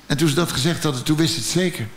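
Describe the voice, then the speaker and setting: Blunt, profane Dutch comedian telling a story. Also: male voice, fairly high pitch, very fast, echoey room. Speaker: stand-up comedian. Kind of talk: stand-up storytelling.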